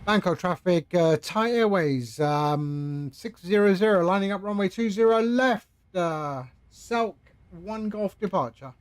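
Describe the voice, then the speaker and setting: A man as an airline pilot on his cockpit headset, high-pitched and unhurried, measured radio calls with small hesitations. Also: clean tone. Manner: calm, measured, with hesitant fillers. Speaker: flight simulator streamer.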